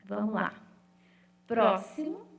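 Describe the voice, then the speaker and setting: A woman's voice: mid-range voice, sing-song, vocal fry. Woman, chatty teacher's explanation, roomy echo, a bit far from the mic. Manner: chatty, repeats "né?" and "gente", sounds out syllables slowly. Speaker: literacy teacher trainer. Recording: echoey room, away from the mic.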